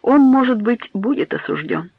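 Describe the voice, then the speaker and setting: A man reading a storybook voices a dying mother who speaks in grave, hushed, imploring tones. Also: extremely high pitch, animated, normal speed, breathy edge, no room sound, voice pushed up, full character voice. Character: dying mother hiding a grim secret. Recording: tinny phone-like dry audio.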